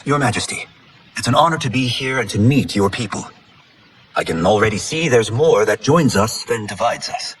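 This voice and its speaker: A man's voice: medium pitch, expressive, normal speed, a bit bright, far from the mic, a little hiss or hum, natural voice, rough recording. A man voicing a polite, composed young champion fighter in a video game. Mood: courteous. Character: calm, humble young male champion fighter. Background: game music.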